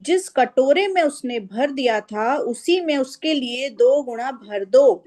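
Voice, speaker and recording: A woman in a Bible study reading scripture verses aloud in a slow, measured way. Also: high voice, animated, a little mellow.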